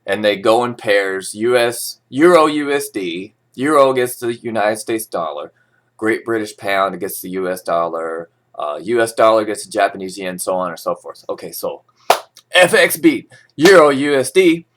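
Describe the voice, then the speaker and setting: A vlogger reads out forex news and adds his own commentary, rambling casually and digressing into opinionated, informal asides. His voice is on the low side, with lively intonation and a moderate pace.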